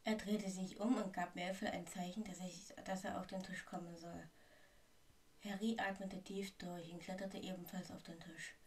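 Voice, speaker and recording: A woman's voice: fairly low pitch, level tone, normal speed, distant mic, slight background noise. A woman reading a story aloud in a plain way, with small slips and restarts.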